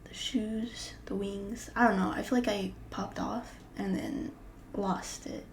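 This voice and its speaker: A young woman talks casually through her artwork, slipping often into a breathy near-whisper. Her voice has a gravelly, creaky edge. A faint hiss sits under the recording. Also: mid-range voice, steady tone, slow. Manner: chatty, often drops to a breathy half-whisper. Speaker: artist vlogger. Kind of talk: casual vlog commentary.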